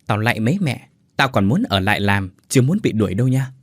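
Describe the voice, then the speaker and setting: A blunt female factory worker, as a man puts her on, bossy at first, then tearful, her voice slightly husky and rising and falling widely. She speaks up close in a dry, quiet space. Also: fairly low pitch, very animated, quick pace, no echo. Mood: scolding. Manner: bossy, scolding, then choked up.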